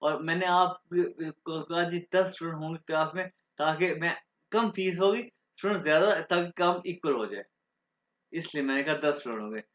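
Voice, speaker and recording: A man's voice: a little high, a bit bright. A man teaching an online German class, patiently spelling out letters one by one for his students. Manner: patient, repeats letters slowly for students to copy. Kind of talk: online class, spoken instruction. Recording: dull lo-fi audio in an echoey room.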